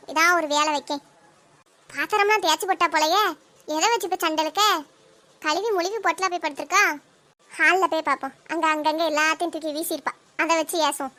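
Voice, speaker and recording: A woman's voice: very high-pitched, bright, forceful tone. A woman voicing a scheming, grumbling older mother-in-law in a cartoon. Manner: grumbling, scheming muttering to herself. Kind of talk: cartoon voice acting.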